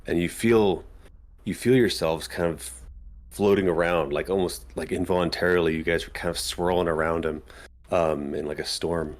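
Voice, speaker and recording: A man's voice: sits low, steady tone, moderate pace. A man narrating as dungeon master in a tabletop game, talking in a hesitant way with many ums and frequent laughs.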